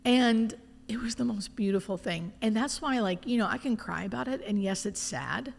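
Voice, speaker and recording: This woman's gravelly voice sits on the high side and moves at normal speed, recorded in a large hall with slight background noise. She's a hospice nurse in an interview, relaxed and frank as she tells stories. She keeps slipping into imagined dialogue, acting out the lines with expression.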